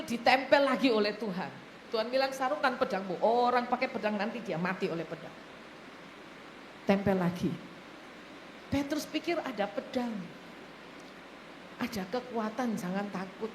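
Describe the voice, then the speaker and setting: A woman pastor preaching a sermon, telling stories in an animated way and often laughing as she addresses the congregation. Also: a little high, normal speed, pauses often. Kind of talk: sermon with storytelling. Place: church hall. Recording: echoey church hall, faint noise.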